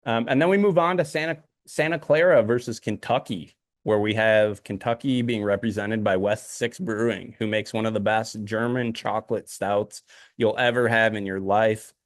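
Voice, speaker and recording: A man's voice: fairly low pitch, normal speed, dry recording, clean studio sound. A man co-hosting a podcast, rambling casually with many ums and uhs. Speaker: podcast co-host. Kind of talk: casual chat.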